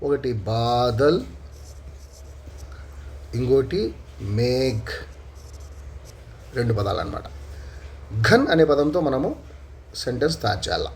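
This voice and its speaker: Lively-voiced Telugu-accented male teacher. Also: mid-range voice, gravelly, slight background noise. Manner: explains slowly, repeating words and examples. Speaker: Hindi teacher. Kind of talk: classroom lesson explanation.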